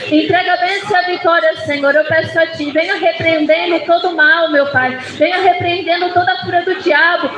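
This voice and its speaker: A woman with a Brazilian Portuguese accent leads a church service in fervent prayer and keeps calling out to the Lord. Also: sits high. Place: church hall. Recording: echoey church with congregation.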